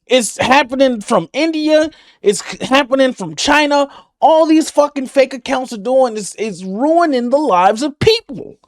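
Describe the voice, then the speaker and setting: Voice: high-pitched, expressive, measured pace, dry recording, clean studio sound. A reaction video host ranting angrily with heavy profanity while commenting on a clip. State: livid.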